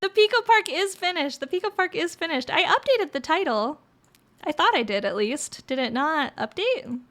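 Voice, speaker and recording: Cute anime streamer girl, really high voice, reading spooky stuff and chatting on stream. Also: expressive, normal speed, fairly bright tone. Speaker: livestream host. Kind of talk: livestream creepypasta reading and chat with viewers.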